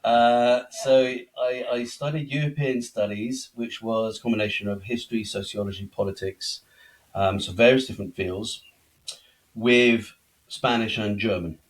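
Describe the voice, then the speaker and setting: A man's voice: on the low side, steady tone, a little slow, low-quality recording. A middle-aged man from Belgium, telling his life story as a guest in a conversational interview, chatty and self-deprecating. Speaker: podcast guest.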